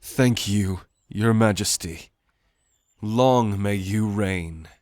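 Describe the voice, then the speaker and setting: A man playing a loyal, solemn prince in an audio roleplay, speaking in a formal, measured, courtly way. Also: lowish voice, darkish tone, no room sound, studio quality.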